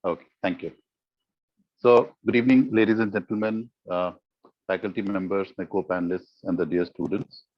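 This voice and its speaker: A man with a deep, low voice speaks formally to an online panel. His audio is choppy and keeps breaking up on a bad connection. The sound is muffled and dry. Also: fairly even intonation, moderate pace, no room sound. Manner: formal, polite greeting. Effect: choppy, breaking-up audio on a bad call connection. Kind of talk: formal webinar opening. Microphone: remote video call.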